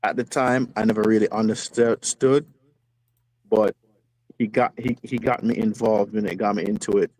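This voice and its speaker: On a video-call phone connection, another caller to the football fan stream speaks in a lowish, steady, slightly mellow voice at a normal speed. He's casual but fired up, hammering points home by repeating himself. The sound is dry and rough.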